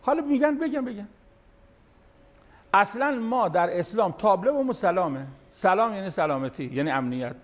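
A man's voice: high voice, lively intonation. A man near seventy giving a sermon-style lecture as a cleric, explaining verses line by line in plain talk. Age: late 60s. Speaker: cleric speaking to an audience of managers.

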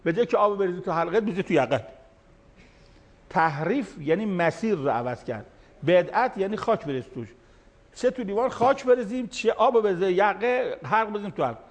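An older man, nearly seventy, delivers a sermon-style lecture to a gathered audience. His voice sits a little higher than most men's. He reads out scripture and then explains each line in plain, everyday words. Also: expressive. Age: late 60s. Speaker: cleric speaking to an audience of managers.

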